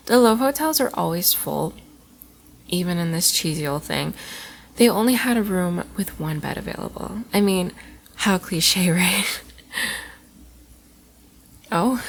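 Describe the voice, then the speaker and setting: Often soft and whispery, a woman plays a tipsy, playful college girl in an intimate ASMR roleplay, rambling on and teasing affectionately. Her voice is medium-pitched, with a faint hiss or hum in the recording.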